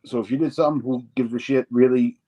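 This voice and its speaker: A man's voice: mid-range voice, steady tone, fast, mellow, lo-fi sound. A middle-aged man in an interview, telling stories in a rambling way, swearing freely and acting out the voices of people he quotes. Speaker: interview guest, former wrestler. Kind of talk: casual storytelling.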